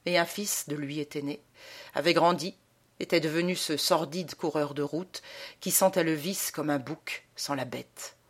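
A woman reading a short story aloud in a measured, dramatic way. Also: low voice. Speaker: narrator.

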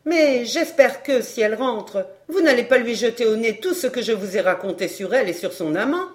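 A woman's voice: fairly high pitch, animated, normal speed, close to an everyday voice. Woman doing a sly little maid, coy and simpering, easygoing voice. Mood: coaxing. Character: sly young female chambermaid and card reader.

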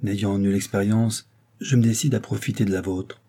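A man's voice: on the low side, fairly even intonation, normal speed, mellow. A man voicing a proud, hot-tempered young nobleman not yet nineteen, speaking indignantly.

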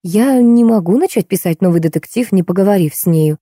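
A calm, formal woman writer lays out her plans in slow, measured sentences, as a reader voices her. The tone is dark, mellow and dry. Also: mid-range voice, no echo, lightly acted. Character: woman writer, composed and deliberately polite.

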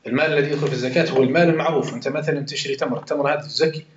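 A man's voice: medium pitch, fairly even intonation, very fast, a little hiss or hum. A man with an Algerian Arabic accent giving an informal Quran commentary lesson, chatting with his listeners, swearing oaths and checking that they follow. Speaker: Quran teacher. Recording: roomy, dull lo-fi recording.

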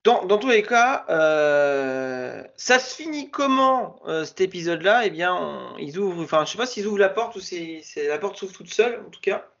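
A man's voice: high voice, lively intonation, moderate pace, vocal fry, fairly bright tone, muffled recording. A man co-hosting a podcast, chatting casually and hesitantly with many fillers and restarts. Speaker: podcast co-host. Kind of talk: casual chat.

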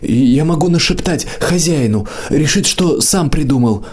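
Brief: shrill, whiny shaggy house-spirit, pleading and wailing, very high storybook creature. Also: male voice, lively intonation, normal speed, a little mellow. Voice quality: shrill squealing voice. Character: small shaggy male stable spirit, cowardly and whiny.

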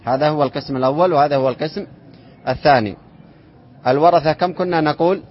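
A man teaching an Islamic inheritance lesson to students, reciting verse lines slowly and then explaining them and quizzing the class. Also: on the high side. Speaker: sheikh teaching inheritance law. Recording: dull lo-fi classroom recording.

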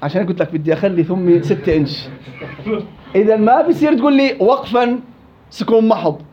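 A man's voice: high voice, fast talker, crowd noise. A man teaching tajweed rules to a class, quizzing students and drilling examples aloud. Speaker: Quran recitation teacher. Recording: dull lo-fi classroom recording.

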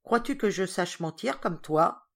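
A woman voicing a stern, sharp-tongued governess who scolds firmly. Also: fairly low pitch, animated, a little slow. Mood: scolding. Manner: firm, scolding.

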